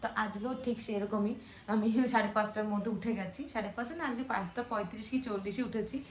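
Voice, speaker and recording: A woman's voice: mid-range voice, a little fast, a little hiss or hum. A young woman from Bengal, chatting to her viewers in a casual home vlog while she cooks in her kitchen. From Bengal, living away. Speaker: family vlogger. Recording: echoey kitchen with faint ambience.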